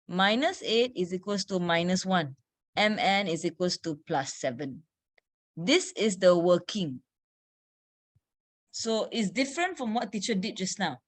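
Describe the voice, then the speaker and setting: A woman chemistry teacher running an online revision class, quizzing students briskly and saying "okay" often. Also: medium pitch.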